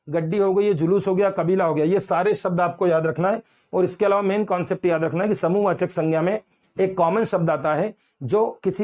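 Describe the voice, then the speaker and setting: A man's voice: high voice, a little mellow. A man teaching Hindi grammar in a lecture, repeating key words and asking and answering his own questions. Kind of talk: classroom lecture.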